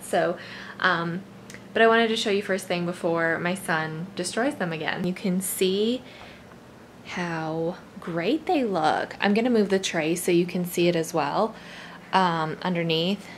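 A woman's voice: on the low side, slight background noise. A young woman talking through a home cleaning demo, chatty and casual with lots of ums and likes. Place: home living room.

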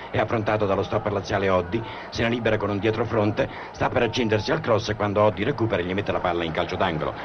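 A man with a fairly low voice gives fast play-by-play of a football match. It comes through a muffled, noisy old radio feed. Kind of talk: live play-by-play commentary.

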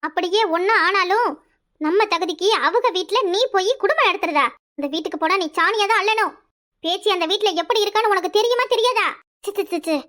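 A scheming, bossy village mother from a cartoon squeals her scolding in a very high, piercing tone, voiced by a woman. She speaks with a Kanyakumari Tamil accent and a rapid, nagging rhythm. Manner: shrill, scolding, fast, rising to yells. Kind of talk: cartoon voice acting.

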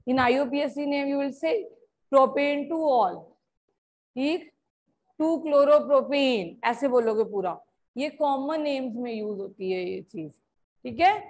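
Teaching a chemistry class, this woman from India explains things slowly and deliberately in a high, darkish voice. She switches between Hindi and English, addresses students as "beta," and keeps checking that they are following.

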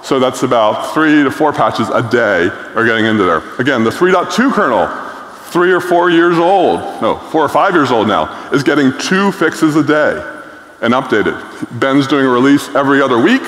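On stage at a conference, a middle-aged man delivers a keynote in a mid-range, slightly bright voice at a moderate pace. He's animated, blunt and enthusiastic, leaning on lots of filler words, and the hall adds an echoey reverb.

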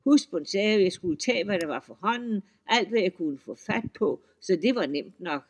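A man's voice: high-pitched, animated, husky, exaggerated voice. A man voicing a sly young farmhand who answers politely and innocently, read in a folk-tale audiobook. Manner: mild, polite, mock-innocent.

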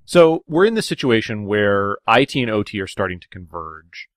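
A man's voice: lowish voice, very animated, moderate pace, no echo, clean studio sound. A man hosting a podcast interview, asking conversational questions and often repeating words as he talks. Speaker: podcast host.

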